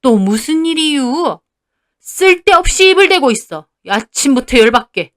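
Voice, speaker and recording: A woman voicing a spiteful older mother-in-law who scolds and shouts. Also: high voice, very animated, unhurried, pitched above the performer's own voice. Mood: scolding.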